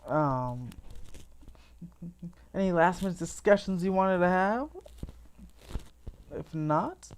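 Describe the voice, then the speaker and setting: A woman with a notably deep voice hosts a relaxed theme park livestream. She talks in an eager, rambling way, restarting her sentences and laughing softly. She sounds a little sleepy. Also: slow, pauses often. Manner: chatty and enthusiastic, frequent restarts and small laughs. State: sleepy, yawning. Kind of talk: casual livestream chat.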